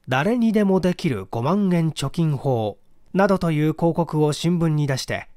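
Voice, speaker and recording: A man with a slightly high, darkish voice reads a classic mystery aloud in first person, giving dramatic scripted audiobook narration. His intonation ranges widely and expressively, though his delivery remains formal and measured. The recording is dry and close, with no echo.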